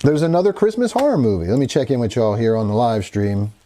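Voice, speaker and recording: Mellow-voiced man hosting a livestream. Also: medium pitch, expressive, fast talker, a little hiss or hum. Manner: laid-back, rambling, chuckling asides. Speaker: host. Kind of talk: casual livestream commentary.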